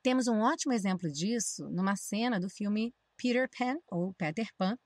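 A woman's voice: medium pitch, normal speed, no room sound. A woman, an English teacher patiently explaining grammar to viewers and checking that they follow.

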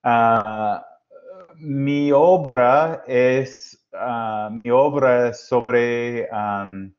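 A man's voice: medium pitch, extremely slow. A man in his fifties, a native English speaker, giving an informal lecture in hesitant Spanish with an American accent, searching for words. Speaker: guest lecturer. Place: small room at home, indoors. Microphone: wired earphone headset on a video call. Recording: dull, lo-fi video-call audio.

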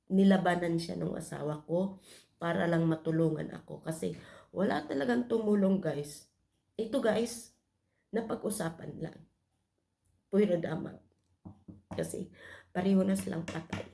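Low, gravelly Filipina vlogger. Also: female voice, dark tone. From Philippines. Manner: confiding, addresses viewers as guys often. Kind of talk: personal storytelling to viewers.

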